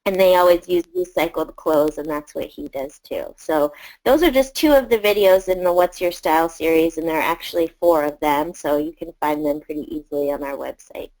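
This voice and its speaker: A woman's voice: deep voice, a little fast, darkish tone, rough recording. A woman presenting a collection of arts education videos to teachers, in a conversational way with frequent fillers.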